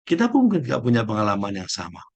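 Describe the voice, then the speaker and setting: A middle-aged man, a Jesuit priest, giving a slow, gentle spiritual reflection with searching pauses. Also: medium pitch, huge pitch swings.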